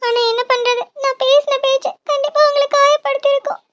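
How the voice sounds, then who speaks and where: A woman's voice: extremely high pitch, level tone, brisk, a bit bright. A woman voicing a young female college student in a cartoon, emotional and apologetic. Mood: remorseful. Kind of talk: cartoon dialogue.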